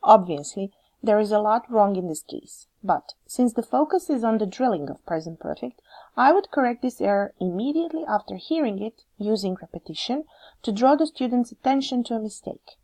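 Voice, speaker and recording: A woman with a Croatian accent, a teacher trainer giving measured, scripted narration that explains how to correct students. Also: a little high, expressive, mellow. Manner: measured, explanatory, reads examples aloud.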